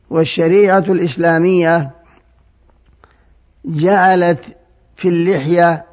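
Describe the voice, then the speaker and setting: High-voiced male scholar explaining in Arabic. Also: darkish tone. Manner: didactic, explaining step by step with examples. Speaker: religious scholar answering listeners' questions. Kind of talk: religious ruling in formal Arabic with colloquial touches. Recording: muffled, dull old radio recording.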